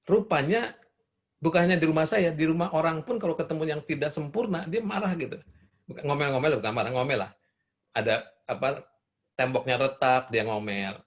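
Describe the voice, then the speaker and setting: A man's voice: on the high side, a little fast. Older man giving a parenting talk. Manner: asks the audience questions, warm storytelling. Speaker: parenting seminar speaker. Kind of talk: seminar talk answering questions.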